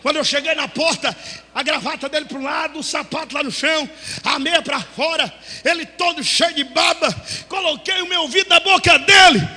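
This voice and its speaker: A Brazilian man preaches with a strikingly high, piercing voice. He swings from storytelling into shouted, sing-song calls, and the sound rings out through a church with long reverb. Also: moderate pace. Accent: Brazilian Portuguese. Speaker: pastor. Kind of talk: Pentecostal sermon storytelling.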